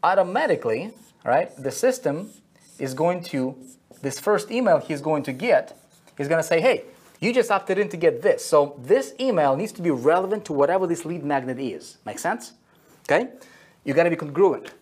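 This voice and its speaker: A man's voice: fairly high pitch, lively intonation, moderate pace, a little mellow, breathy edge. A man teaching an online marketing lesson at a whiteboard, checking in with listeners constantly and repeating key phrases for emphasis. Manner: checks in constantly with "okay?" and "right?".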